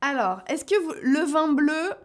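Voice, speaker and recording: A woman hosting a live lesson, speaking slowly and clearly and putting questions to her viewers. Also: sits high, very animated. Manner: slow and deliberate, asks the audience questions. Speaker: host of a live French-learning stream.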